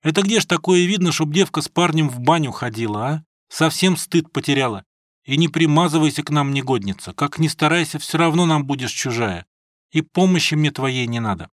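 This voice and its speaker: A woman's voice: deep voice, expressive, fairly quick, no room sound, studio quality. A man reading an audiobook, voicing a drunk, bitter old village woman who scolds and rambles. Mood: scolding.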